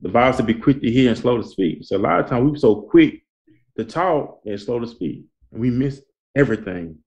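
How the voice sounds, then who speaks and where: A man's voice: medium pitch, lively intonation, fairly quick, a little mellow. A man hosting a talk in a colloquial, preacherly style, repeating his points to urge listeners on. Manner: repetitive, exhorting, colloquial. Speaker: host. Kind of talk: conversational talk, motivational preaching.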